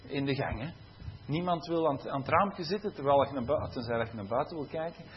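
A man preaching a sermon in a conversational, animated way, with tag questions and laughing at his own stories. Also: medium pitch, fast, muffled recording, a little hiss or hum.

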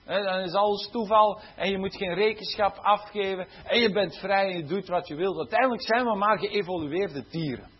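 Male preacher, high husky voice, fervent sermon with chatty self-corrections, dull lo-fi audio. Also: normal speed, few pauses. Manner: rising to fervent exclamations of hallelujah; self-correcting, conversational asides.

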